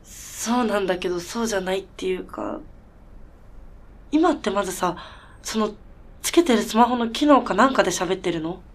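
In a radio drama, a woman plays a bewildered but determined snowmobile mechanic, speaking casually and haltingly in incredulous disbelief. Her mid-range voice is lightly acted.

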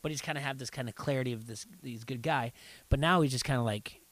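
A middle-aged man in loose, rambling chat, often restarting sentences and getting lively when he retells scenes. His voice sits at an ordinary middle pitch. The recording is dry and close, with no room sound. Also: fast talker, dry recording. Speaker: podcast co-host. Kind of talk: casual chat.

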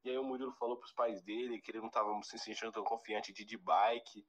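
A man's voice: lowish voice, fast talker, low-quality recording. A teenage Brazilian man with a Brazilian Portuguese accent, telling a prank story in casual slangy chat and acting out the people he quotes. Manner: slangy, animated when quoting.

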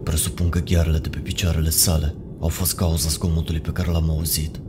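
A man narrating a horror story in a measured, ominous way. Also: a bass voice, level tone, background noise. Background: music.

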